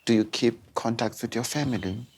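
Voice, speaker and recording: A man's voice: medium pitch, brisk, darkish tone, slightly rough. A man hosting a talk show, asking questions and speaking earnestly and emotionally to the guest and to viewers. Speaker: host. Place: indoor dining room set at a table.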